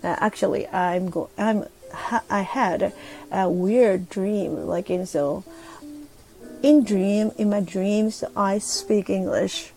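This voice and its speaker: A woman's voice: medium pitch, steady tone, gravelly, darkish tone, faint music behind. A middle-aged woman from Japan hosting a casual solo radio chat, hesitant and laughing, reading listener comments. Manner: chatty, laughing, hesitant, switching between Japanese and halting English. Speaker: podcast host. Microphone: phone or desk mic on a streaming app.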